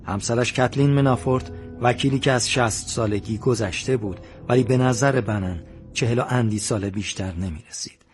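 A man narrating an audiobook in an even, measured reading. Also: mid-range voice, soft background music. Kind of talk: scripted narration.

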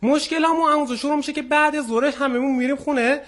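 Stand-up contestant: man, twenties, Isfahani Persian accent, unusually high voice. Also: fairly even intonation, a bit bright. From Isfahan, Iran. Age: 20s. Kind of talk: stand-up storytelling in a radio contest.

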